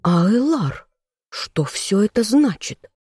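An audiobook reader voicing a furious, spiteful noblewoman, the king's sister, who scolds in sharp outbursts. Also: expressive, breathy edge, no room sound. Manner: shrill, scolding, quick outbursts. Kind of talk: audiobook role reading.

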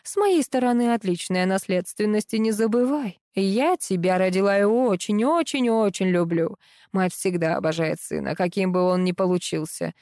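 A woman's voice: mid-range voice, normal speed, dry recording, studio quality, natural voice. A woman voicing a domineering, scolding middle-aged mother-in-law in an audiobook reading. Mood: indignant. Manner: commanding, sharp, scolding.

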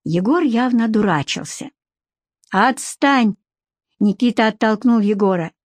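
A woman narrating an audiobook with an even, measured read. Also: mid-range voice, dry recording. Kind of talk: scripted narration.

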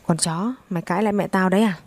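A woman voicing a jealous, violent young husband who curses and shouts in a story reading. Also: mid-range voice, rapid-fire, lightly acted. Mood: abusive. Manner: coarse, cursing, shouting.

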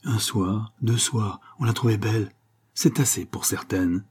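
A man reading a literary story aloud as narrator, measured and expressive. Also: lowish voice, breathy edge.

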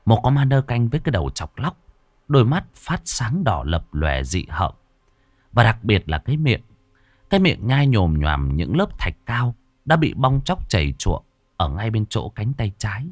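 A man narrates a horror audiobook dramatically. His voice is fairly low, and it rises and falls widely. The recording is dry and close-miked. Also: normal speed, dry recording. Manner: expressive, dramatic.

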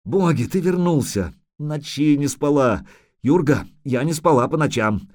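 A man's voice: a little high, expressive, measured pace, a little mellow. A man voicing an anxious, loving merchant's wife who pleads eagerly. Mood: pleading.

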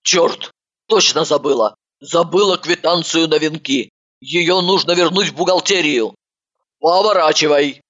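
Чтица озвучивает Иванову, суетливую рассеянную женщину-патологоанатома, говорящую ниже и медленнее, резко и грубовато. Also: female voice, deep voice, measured pace, fairly bright tone, highs cut off. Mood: flustered. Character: brash, fussy woman, a scatterbrained forensic doctor.

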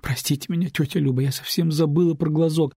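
A man's voice: on the high side, steady tone, quick pace, warm tone, husky, no room sound, clean studio sound, pitched above the performer's own voice. A man reading an audiobook, voicing a distraught, tearful teenage neighbor girl who pleads and apologizes in a rush. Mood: pleading, upset.

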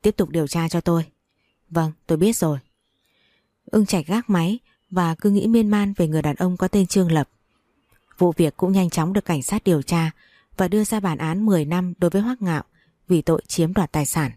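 A woman reads a long story aloud in a steady storytelling manner. Her voice is low and mellow, and the recording is dry and close. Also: fairly quick, no echo. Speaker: narrator. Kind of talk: audiobook story reading.

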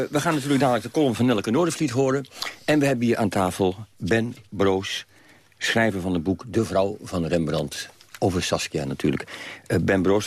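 A man with a gravelly, husky voice hosts a radio show. He speaks conversationally to listeners and studio guests in a fairly low register. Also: dry recording. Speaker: radio host.

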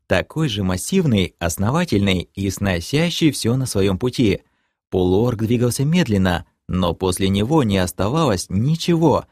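A man narrating an audiobook with a lively, swinging pitch. His voice sits mid-range and sounds close and dry, with no room around it. He tells the story in the first person with brisk energy. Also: breathy edge, no echo.

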